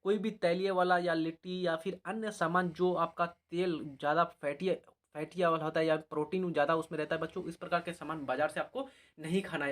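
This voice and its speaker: A man giving exam advice to students as a teacher, often pausing to check in and calling them children. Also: a little high, a bit bright. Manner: repetitive, often checks in with "all right" and calls the students "children".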